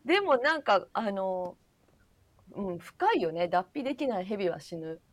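A woman's voice: mid-range voice, very animated, a little slow. A woman with a Hakata accent chatting casually on a livestream, laughing often and slipping into dialect.

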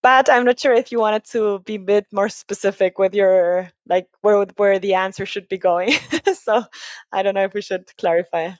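A woman's voice: medium pitch, normal speed, no room sound. A woman from Ecuador, a recruiting agency founder talking as a guest in a conversational podcast interview, explaining things with many tag questions and fillers.

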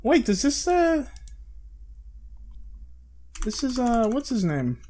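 A young man co-hosting a podcast in casual, excitable chat, swearing freely. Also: very high-pitched, slow pace, slight background noise. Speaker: podcast co-host.

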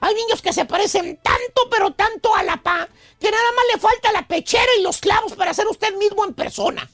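A man's voice: extremely high pitch, a little fast, creaky, fairly bright tone, no echo. A man hosting a radio comedy bit, calling everyone brother and son. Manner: theatrical, calls listeners brother and son. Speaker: radio show host. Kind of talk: comic preacher-style radio monologue.

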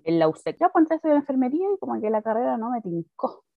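A woman's voice: on the high side, very animated, rapid-fire, vocal fry, dry recording, phone-quality sound. A young woman in her twenties with a Chilean accent, telling her story in casual chat and laughing often. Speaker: guest.

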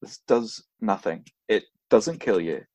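A man with a lowish voice tells a story to his co-host in relaxed chat. He laughs often as he goes, and the sound is dry and close with no room echo. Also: unhurried. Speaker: podcast co-host. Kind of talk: casual chat.

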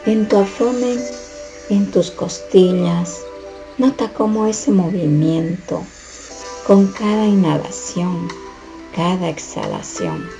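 Woman from Ecuador, guided relaxation, very slow, gravelly, lowish voice, music behind. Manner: slow, soothing, instructive. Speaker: contributor reciting her own text. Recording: soft music playing behind.

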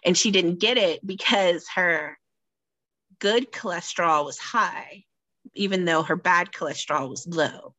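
Low-voiced woman, animated and laughing. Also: unhurried, no room sound. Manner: animated storytelling, laughs often. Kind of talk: casual podcast chat.

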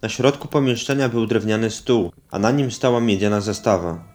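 A man narrating a scripted story in an even, measured reading. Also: fairly low pitch. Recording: music underneath.

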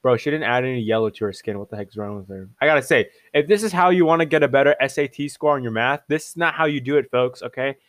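A young man giving casual reaction commentary, excitable and mocking, often laughing and jumping up in pitch in disbelief. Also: quick pace, few pauses, no room sound. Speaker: online commentator.

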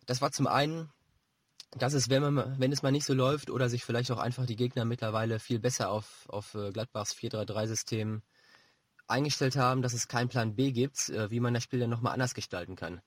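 A man giving football analysis as a pundit, measured and explanatory, feeling his way through phrases. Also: mid-range voice, steady tone, no echo. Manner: measured, explanatory, hesitant phrasing with repeated words.

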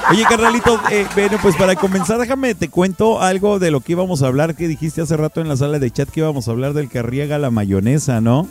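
A man's voice: fairly high pitch, fast, hardly any pauses. A man with a Mexican accent hosting a radio show in a casual, slangy, jokey way. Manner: slangy, jokey, often laughing. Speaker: radio host.

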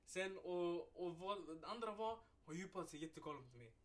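This young man co-hosts a casual podcast and tells long stories with street slang, curses and acted-out bits of dialogue. His voice sits somewhat high for a man. There is faint ambient noise behind him. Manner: animated storyteller, mixes street slang and swearing. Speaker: podcast co-host. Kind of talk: casual chat. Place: podcast recording room.

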